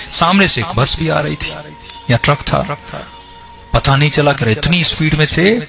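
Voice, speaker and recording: A man telling a religious story with rising emotion, voicing the people in it as he goes. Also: on the high side.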